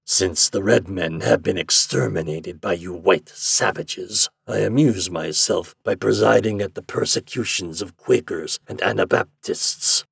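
A man voicing a sooty, menacing male forest devil in a hoarse, growling voice that speaks slowly and deliberately. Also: deep voice, fairly bright tone, dry recording, exaggerated voice. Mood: gruff menace. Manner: slow, deliberate, brooding.

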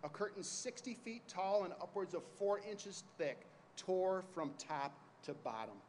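A man's voice: high-pitched, unhurried, a little mellow. A man preaching with passion and drama, like a lawyer giving a closing argument to a jury. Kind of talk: sermon framed as a courtroom closing argument. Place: large reverberant room, addressing a congregation. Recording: reverberant hall with some noise.

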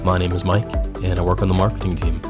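A man from the marketing team reading a scripted podcast intro in an even, set delivery. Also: sits low, quick pace. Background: music.

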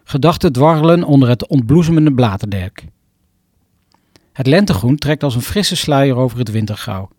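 A man from the Arnhem area of the Netherlands, a rehabilitation doctor, reading his own scripted first-person story in a reflective, poetic, measured way. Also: mid-range voice, expressive, a little mellow, dry recording, clean studio sound.

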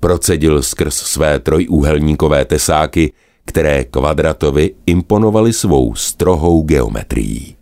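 Very deep-voiced male storyteller. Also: dry recording, studio quality. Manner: lively, expressive telling. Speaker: narrator. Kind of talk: storybook narration.

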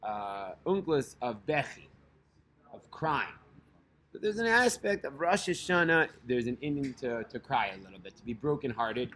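A man's voice: mid-range voice, very animated, normal speed, a bit bright. A man in his thirties, a religious teacher, telling a personal story casually with many fillers.

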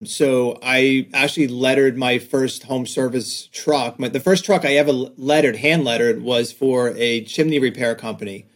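Animated New York man telling stories. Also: medium pitch, normal speed, hardly any pauses. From Staten Island, New York. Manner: animated storyteller, many fillers and restarts. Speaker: guest, design agency founder. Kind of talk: casual podcast interview.

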